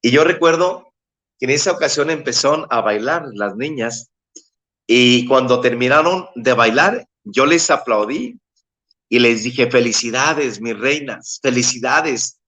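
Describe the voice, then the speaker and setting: A middle-aged Mexican man telling a personal testimony in an interview. He speaks earnestly and haltingly, repeats words, and climbs higher as emotion builds. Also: animated, a bit bright. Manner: earnest, halting, repeats himself, rises in pitch when moved. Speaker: bereaved father telling his testimony.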